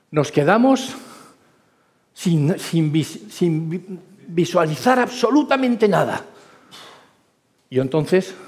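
Middle-aged guy preaching, tells his story then gets fired up, normal pitch. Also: darkish tone. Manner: storytelling, rising to fervent exhortation. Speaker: former helicopter pilot giving testimony. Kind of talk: testimony sermon.

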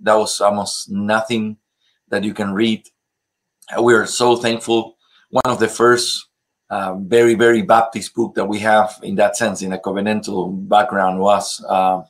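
A man from Ecuador, a native Spanish speaker with an Ecuadorian Spanish accent, speaking as a pastor and guest in an interview, with halting phrasing and frequent fillers. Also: fairly low pitch. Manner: halting, many pauses and fillers. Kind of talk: interview conversation.

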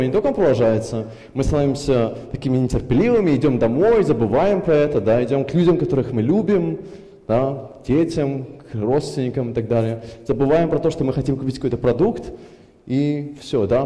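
Speaking into a headset mic before an audience in a big conference hall with a reverberant sound, a man in his thirties delivers an animated talk full of fillers and gestures. He's from Belarus, and years in Germany have left him with an unusual mixed accent. His voice sits fairly high.

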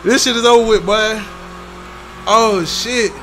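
Young male streamer, excitable swearing gameplay commentary, high gravelly voice, unhurried pace. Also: noisy background. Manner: excitable, swearing, frequent laughter. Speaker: gaming streamer.

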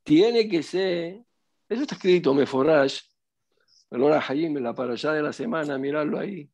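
A middle-aged man gives a religious lesson as a rabbi, his voice sitting a little higher than most men's. He preaches emphatically, pressing his points with rhetorical questions. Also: moderate pace, darkish tone. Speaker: rabbi teaching.

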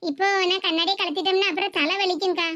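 A woman's voice: very high-pitched, fairly even intonation, very fast. A woman voicing a bashful young bride-to-be in a cartoon, with a Tirunelveli Tamil accent. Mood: shy. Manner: soft, bashful.

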